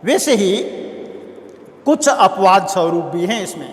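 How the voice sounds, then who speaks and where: A man's voice: high voice, expressive, measured pace. A male college teacher giving a classroom lecture, repeating key words and asking the class questions as he explains. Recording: echoey room with long reverb.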